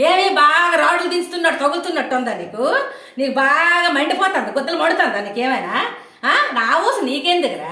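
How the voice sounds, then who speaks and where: A woman tears into someone in a fast, scolding rant full of taunting questions. Her voice sits very high and sounds bright and sharp. The sound carries an echo, as if she recorded in a bare room. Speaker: online commentator. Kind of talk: angry rant to camera.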